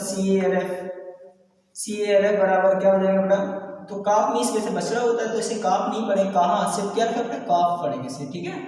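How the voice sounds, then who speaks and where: Man teaching a lesson, high voice, keeps quizzing students, very echoey hall, distant from the mic. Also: darkish tone. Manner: repeats questions to students, calls them beta. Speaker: English teacher. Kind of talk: classroom lesson on silent letters. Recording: echoey classroom from far off.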